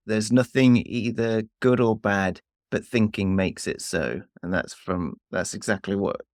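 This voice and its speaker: A man with a somewhat low voice hosts a podcast interview. He asks relaxed, thoughtful questions and often murmurs small affirmations. The sound is dry and close. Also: no room sound. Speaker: podcast host.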